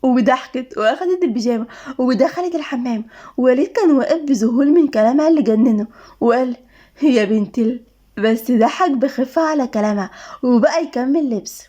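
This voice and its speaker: Fast-reading Egyptian woman storyteller. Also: high-pitched, expressive, mellow, lo-fi sound. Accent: Egyptian Arabic. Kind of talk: dramatic story narration.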